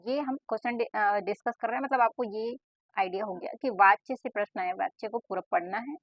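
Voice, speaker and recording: In a dry, dull lo-fi voice-over, a woman with a mid-range voice teaches an exam-prep lesson. She talks fairly quickly in a casual style, explaining step by step and answering her own questions.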